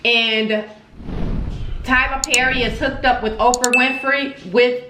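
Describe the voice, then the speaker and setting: Female mukbang host, higher-pitched, casual and expressive, chewing while talking, roomy home sound. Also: takes it slowly, background noise. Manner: chatty, expressive, repeats words for emphasis. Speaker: vlog host. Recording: roomy, echoey home recording.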